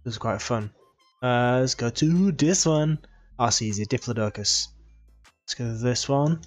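A man hosting a gaming video with casual, playful gameplay commentary, chatty and jokey. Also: medium pitch. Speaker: gaming channel host.

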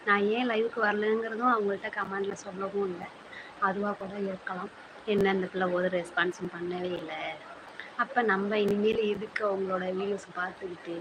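A woman with a Thanjavur Tamil accent hosting a casual live stream from a phone, chatty and rambling, teasing her son off to the side. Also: medium pitch. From Thanjavur, Tamil Nadu. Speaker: channel host on a live stream. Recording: noisy home live-stream audio.

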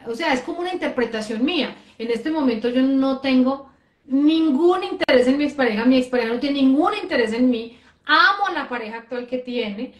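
High-voiced woman chatting in an echoey room. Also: expressive, fairly quick. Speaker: host, life coach. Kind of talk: casual chat.

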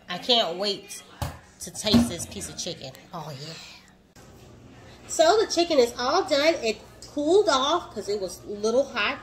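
A woman hosting a casual home cooking vlog, chatting to viewers as y'all and savoring her food with lots of mm sounds. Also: mid-range voice. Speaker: cooking vlogger. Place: home kitchen.

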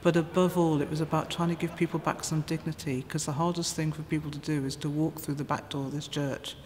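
A middle-aged woman who manages a food bank project speaks earnestly and forthrightly in an interview inside a church. Her voice is low, level, fairly quick, and a little mellow, with faint noise in the reverberant space.

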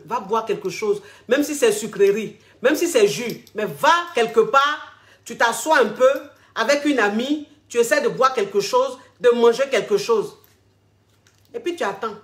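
A woman hosting a vlog, giving casual, familiar relationship advice and repeating herself as she speaks to her listeners as darling. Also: on the high side. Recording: roomy echo.

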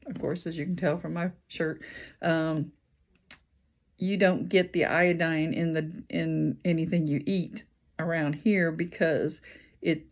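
A tired woman with a Midwestern American accent talks casually to her camera at home. Her voice sits a little low, and she rambles along with plenty of ums and self-corrections. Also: flat delivery, slow pace. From Indiana, USA. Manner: rambling, many ums and restarts. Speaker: vlogger. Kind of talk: casual chat.

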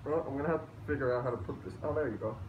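A man's voice: medium pitch, racing, narrow, tinny audio. A young man talking while wearing a costume head, giddy and exclaiming as he tries on a new fursuit. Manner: giddy, exclaiming, laughing often. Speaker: vlogger unboxing a fursuit. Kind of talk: casual excited chat. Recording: roomy, distant, noisy home video.

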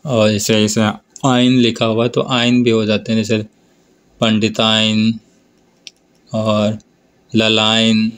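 A man teaching a grammar lesson for board exams, explaining slowly and over and over telling students to look and answer. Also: lowish voice, monotone, clean tone. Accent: North Indian Hindi. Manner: slow, drawn-out explanation with repeated prompts to look.

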